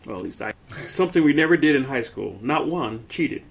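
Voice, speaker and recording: A man's voice: mid-range voice, expressive, fairly quick, gravelly. A man co-hosting a casual sports podcast, joking and laughing often, rambling as he recalls old games. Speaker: podcast co-host.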